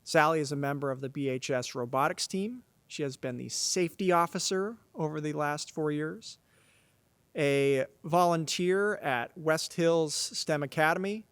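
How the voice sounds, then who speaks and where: Formal knighting ceremony man, slightly high voice. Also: a little slow, smooth, no room sound. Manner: formal, addresses the audience as ladies and gentlemen. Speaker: announcer at a school honors ceremony. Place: stage of a large auditorium. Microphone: podium microphone.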